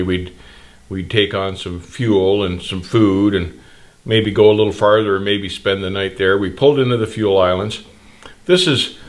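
An older man hosting a trucking channel, speaking straight to camera in blunt, plain-spoken, indignant advice talk and gesturing broadly, recorded in a small indoor studio. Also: lowish voice.

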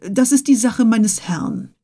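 A woman's voice: fairly high pitch, measured pace, dark tone, pitched above the performer's own voice. A woman voicing a pedantic, tireless male servant who lectures in precise lists, raised above her own voice, in a storybook reading. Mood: lecturing.

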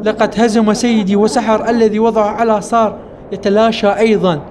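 A man reading a friendly talking doll companion's game lines in formal, plain delivery, high in pitch. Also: level tone, brisk, crowd noise, lightly acted. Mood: earnest. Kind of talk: reading game dialogue aloud.

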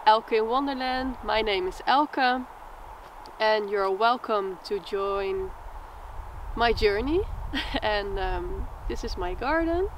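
Slow, hesitant Dutch-accented woman. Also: medium pitch, a little hiss or hum, poor audio. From Netherlands. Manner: hesitant, self-conscious, giggly. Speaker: vlogger. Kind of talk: casual vlog to camera. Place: outdoors in a garden.

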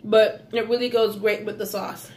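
Her voice sits mid-range, level and moderately paced. She's a thirtysomething Belizean woman with a light accent, vlogging a mukbang from a small room in her home, chatting loosely and savoring the food with frequent mm's.

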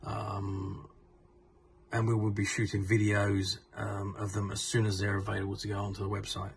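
A man's voice: on the low side, monotone, moderate pace, breathy edge. A man presenting a toy shop's unboxing video, talking unhurriedly with many fillers as he reads box labels aloud. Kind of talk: unboxing product walkthrough. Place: indoors at a tabletop, off camera.

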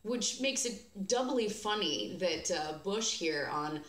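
A woman's voice: lowish voice, expressive, takes it slowly, fairly bright tone. Sarcastic American woman, echoey room. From United States. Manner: sarcastic, chatty, with frequent fillers and restarts. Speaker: beer vlogger host. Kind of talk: casual commentary vlog.

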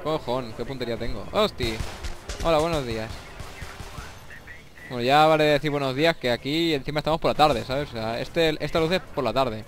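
A young man with a Spain Spanish accent giving excitable, swear-filled commentary over a shooter game and taunting the enemies. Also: medium pitch, fairly quick. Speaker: gameplay commentator. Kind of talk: let's play commentary. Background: faint game music and gunfire.

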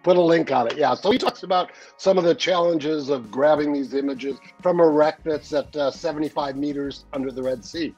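A man's voice: on the high side, a little fast, few pauses, a little mellow, lo-fi sound, soft background music. A man in his sixties, the show's regular editor, chatting casually on a video call from a home study, rambling with many fillers and easy laughs. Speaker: newsletter editor, regular guest. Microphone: webcam on a video call.

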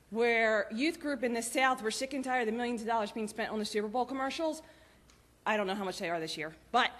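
A woman giving lively, chatty announcements to a church congregation, laughing often. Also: a little high. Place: church sanctuary. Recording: long church reverb.

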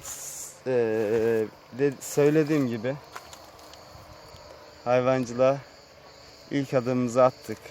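A man vlogging casually outdoors at a rural sheep pen, speaking slowly and unhurriedly about his new animals. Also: fairly even intonation, darkish tone, a little hiss or hum. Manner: slow, unhurried, with sing-song high calls to the animals. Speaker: vlogger moving to the countryside. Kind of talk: casual vlog talk while tending sheep.

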